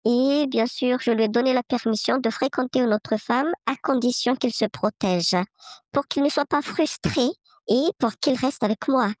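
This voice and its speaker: A woman in her fifties, her voice altered by a voice changer, leaving a measured, hesitant listener message. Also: no echo. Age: 50s. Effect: voice changer, pitch-shifted disguised voice.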